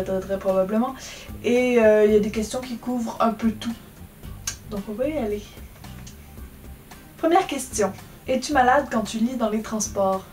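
A woman's voice: on the high side, darkish tone, distant mic. A young woman with an English accent, chatting casually and self-mockingly about books on her channel. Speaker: book vlogger. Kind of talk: casual book tag chat. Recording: from the mic, faint music behind. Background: faint background music.

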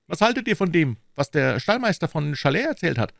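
A man's voice: a little high, big pitch swings, brisk, vocal fry, fairly bright tone, no echo, studio quality, pitched above the performer's own voice, full character voice. A man reading aloud and voicing a gossiping male musketeer, eager and chatty.

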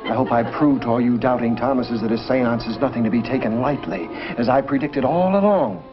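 A man's voice: mid-range voice, a little fast, natural voice. A man playing a pompous seance leader in a 1950s sitcom, solemn and showy. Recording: dull 1950s TV audio with music and audience.

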